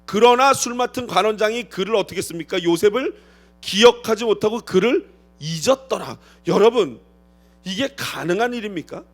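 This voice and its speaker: A male pastor preaching an expository sermon, posing rhetorical questions to the congregation and acting out quoted voices with sudden swings in loudness. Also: sits high, animated, normal speed, faint music behind.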